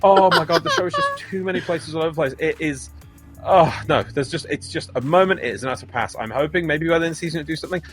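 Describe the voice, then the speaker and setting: A man co-hosting a casual anime review podcast, ranting in an animated, exasperated way. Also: fairly high pitch, fast, husky, soft background music. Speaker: podcast co-host.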